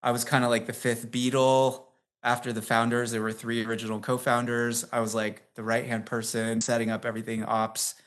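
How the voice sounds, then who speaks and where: A man in his fifties, from the United States and without an accent, speaks a little fast in a medium-pitched, fairly bright voice with little pitch movement. As a tech CEO guest in a casual interview, he tells long, rambling, chatty anecdotes, laughing often and filling gaps with "like" and "um."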